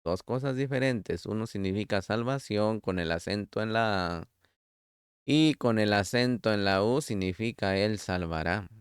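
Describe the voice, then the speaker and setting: Slow, crisp-voiced male preacher. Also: on the low side, no echo, studio quality. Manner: slow, deliberate teaching with scripture quotes; addresses listener directly as beloved. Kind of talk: Torah study sermon.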